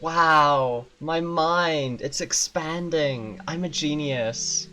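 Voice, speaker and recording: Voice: medium pitch, extremely slow, bright, forceful tone, slight background noise. A streamer chatting during a live game stream, joking and rambling in a self-mocking way.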